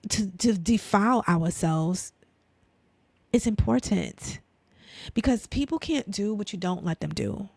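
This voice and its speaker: Slow, gravelly Brooklyn woman. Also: medium pitch, no echo. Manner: conversational, rhetorical questions, frequent "right?" and "you know"; drops into soft near-whispers for emphasis. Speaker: faith and lifestyle speaker. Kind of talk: casual inspirational talk.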